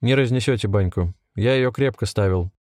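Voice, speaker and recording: A man doing a sly, unhurried village craftsman. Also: fairly low pitch, darkish tone, no echo, clean studio sound, close to an everyday voice. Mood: sly calm. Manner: unhurried, folksy, teasing. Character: calm wiry village man, sly bathhouse builder.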